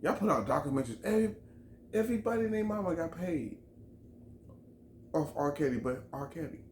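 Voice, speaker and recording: Animated and a little fast, this slightly high, somewhat mellow male voice comes with a little hiss or hum. The speaker, a vlogger from Chicago, rants heatedly to camera, emphatic, profane and repetitive, with roomy echo and faint background ambience in the recording.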